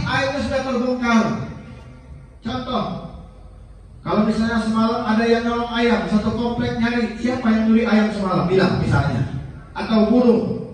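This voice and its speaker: A man with an Indonesian accent preaching a sermon in a prayer hall, telling stories with big swings between high and low. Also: recorded from a distance. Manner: animated storytelling, pitch swinging high and low. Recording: echoey hall, heard from afar.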